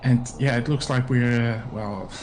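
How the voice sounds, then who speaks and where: A very tired man hosting a charity sim racing stream, talking softly and rambling with lots of hesitant fillers. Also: mid-range voice, steady tone, unhurried. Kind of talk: casual live-stream chat. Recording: noisy with background hum.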